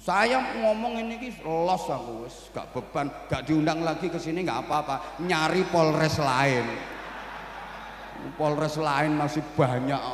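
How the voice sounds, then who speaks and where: A middle-aged man with a Javanese accent giving a humorous sermon as a preacher, telling animated stories and mimicking characters. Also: fairly high pitch, slight background noise. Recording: echoey hall with long reverb.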